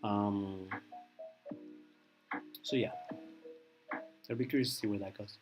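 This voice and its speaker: A man's voice: on the low side, fairly even intonation, takes it slowly, over music. A man live-streaming a casual, rambling reaction chat, full of fillers and strong opinions.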